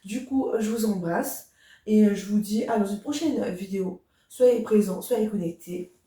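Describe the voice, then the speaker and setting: A young woman does a get-ready-with-me video as a beauty vlogger, chatting casually and with enthusiasm to her viewers in a soft-spoken, unhurried voice of medium pitch. The camera sits at a distance in an indoor room that is very echoey, leaving her voice far from the mic.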